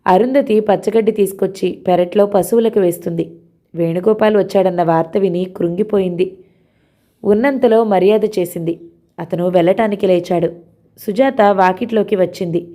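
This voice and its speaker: A woman narrating a novel in a steady, unhurried reading voice. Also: mid-range voice.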